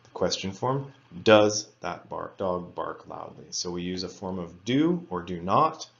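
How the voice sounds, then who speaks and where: Low-voiced man teaching English grammar. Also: creaky, dull audio. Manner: slow, careful reading of example sentences. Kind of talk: recorded lecture for students.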